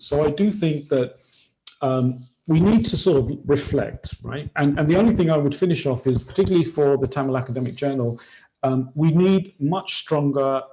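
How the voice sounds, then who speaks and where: A man from Sri Lanka gives his panel remarks in a relaxed, mellow voice. He keeps circling back over his phrases and often checks in with a quick tag question. His pitch sits in an ordinary middle range. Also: low-quality recording. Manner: frequent tag questions and restarts.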